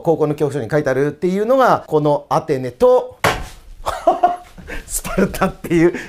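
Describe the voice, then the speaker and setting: A man's voice: a little high, darkish tone. A man teaching history in a casual, chatty video lecture, tossing in playful foreign greetings.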